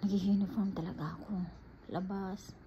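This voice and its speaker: Faint ambient noise sits under the dull, lo-fi audio as a Filipina vlogger shares details of her life. Her mid-range voice moves at normal speed, and she's animated and casual, referring to viewers as "guys."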